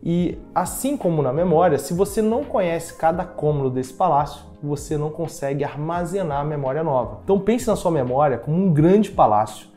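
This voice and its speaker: Homem brasileiro explicando com voz suave. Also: male voice, fairly high pitch, expressive, brisk, few pauses, dark tone, soft background music. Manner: conversational, speaks directly to viewer. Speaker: educational video host. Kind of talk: explanatory video talk.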